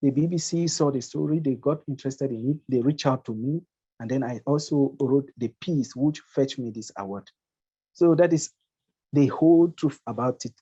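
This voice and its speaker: An award-winning journalist from Cameroon answers on a webinar panel via video call, explaining his reporting fluently and repeating phrases. His voice is mid-range, mellow and husky at a normal speed, and the call audio is dull and lo-fi.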